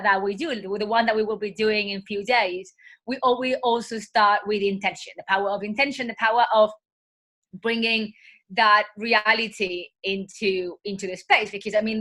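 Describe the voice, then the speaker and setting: A yoga teacher with a cold chats in a casual interview, her medium-pitched voice husky yet bright and forward. She meanders from thought to thought, full of soft fillers, restarts and self-corrections.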